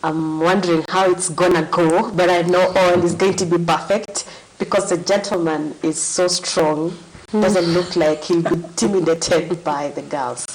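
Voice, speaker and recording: A woman hosting a studio talk show, asking her guests questions in a playful, animated way. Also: fairly low pitch, a little slow, poor audio. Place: TV studio set.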